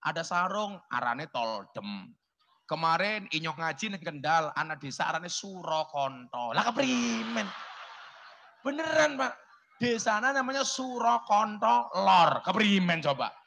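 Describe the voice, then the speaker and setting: Javanese preacher guy cracking jokes at a village crowd, high bright voice. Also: big pitch swings, a little slow, creaky. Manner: joking, chats with the audience, slips into Javanese. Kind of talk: humorous sermon to a village crowd.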